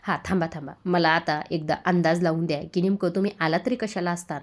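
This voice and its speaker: A woman's voice: fairly low pitch, steady tone, a little fast, close to an everyday voice. A woman voicing a teasing, mock-polite young man in a recap of a TV serial. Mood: evasive. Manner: playful, calls her madam with mock formality. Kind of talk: acted dialogue in a serial recap.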